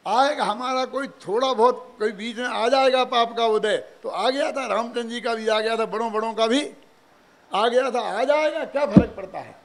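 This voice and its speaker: An older man giving a religious discourse, animated, full of rhetorical questions and chuckling asides. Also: extremely high pitch, moderate pace. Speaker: preacher.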